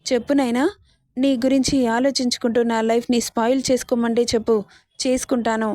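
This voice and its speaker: A woman's voice: fairly high pitch, little pitch movement, a little fast, dark tone, no echo, clean studio sound, lightly acted. A woman voicing a young male college student in a spoken story, speaking dismissively. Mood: cold. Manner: mocking then remorseful. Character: young man, a callous college prankster.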